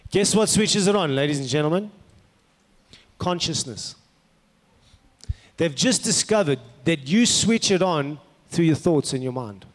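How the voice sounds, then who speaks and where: High-voiced South African male preacher in a hall. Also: lively intonation, unhurried, long pauses. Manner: conversational, rhetorical questions to the listeners. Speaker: pastor preaching to a congregation. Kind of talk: sermon with personal anecdotes. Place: large indoor hall, preaching to an audience. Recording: echoey hall with long reverb.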